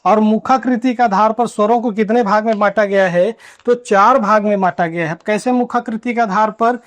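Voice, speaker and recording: A man teaching a grammar lesson at a board, asking questions and answering them himself, and drawing out key terms slowly. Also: high voice, fairly even intonation. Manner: asks and answers his own questions. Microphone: writing on a board while teaching.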